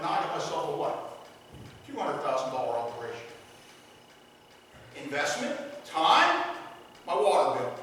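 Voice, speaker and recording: A man's voice: a little high, fairly bright tone. A man from a sheriff's office giving a talk to an audience. He talks conversationally, repeats himself and asks the room "okay?" and "right?". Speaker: public speaker from a sheriff's office. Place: large echoey hall with an audience. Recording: echoey hall from far off, faint hiss.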